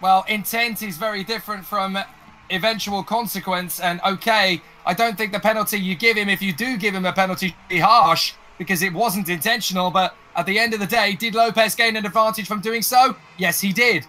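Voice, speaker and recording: A man calling a motor race live as a commentator, with an excitable, dramatic delivery and colourful turns of phrase. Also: sits high, a little fast.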